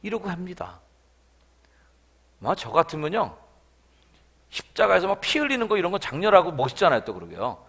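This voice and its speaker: A male pastor preaching a revival sermon in a high, gravelly voice. His pitch swings widely as he acts out scenes. He slips into casual asides and sounds bright and forceful. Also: sing-song, brisk, long pauses.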